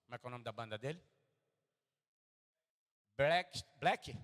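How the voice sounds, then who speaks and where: A man preaching a sermon as pastor in a church, with animated delivery that swings from quiet talk to shouting. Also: medium pitch, a little slow. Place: church hall. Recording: echoey church hall.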